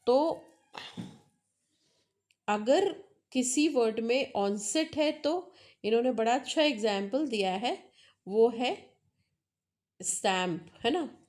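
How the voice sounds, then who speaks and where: A woman's voice: mid-range voice, darkish tone. A woman teacher with an Indian accent gives a lecture, explaining step by step and checking that students follow along. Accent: Indian English. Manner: explains step by step, mixing Hindi and English, checks understanding with tag questions. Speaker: English teacher. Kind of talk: classroom lecture on phonology.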